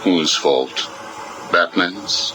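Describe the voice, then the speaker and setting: An actor playing a cold, probing psychiatrist, heard played back from an old interview tape. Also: male voice, low-pitched, very slow, music in the background, poor audio. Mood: clinical. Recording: hissy cassette tape recording.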